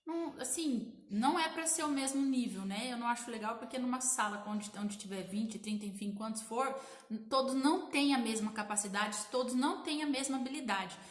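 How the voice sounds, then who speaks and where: A woman's voice: a little high, brisk, roomy sound. A woman in her thirties with a Brazilian accent, a child sleep consultant talking live to viewers, explaining and repeating points. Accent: Brazilian Portuguese. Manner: explanatory, repeats lists and asks "tá?" often. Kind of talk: live social media talk to viewers.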